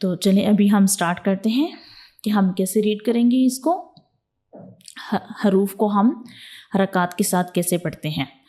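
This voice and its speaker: A woman's voice: mid-range voice, warm tone. A woman teaching a step-by-step Quran reading lesson. She explains patiently, repeats points, checks in often and mixes English words into her teaching. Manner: patient, repetitive explaining with frequent "theek hai" check-ins.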